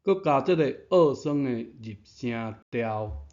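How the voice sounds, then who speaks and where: A man's voice: mid-range voice, expressive, slow, a little mellow. A man giving a patient pronunciation lesson, repeating key points and asking rhetorical questions. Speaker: Taiwanese language teacher. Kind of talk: explanatory lesson narration. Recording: dull lo-fi sound.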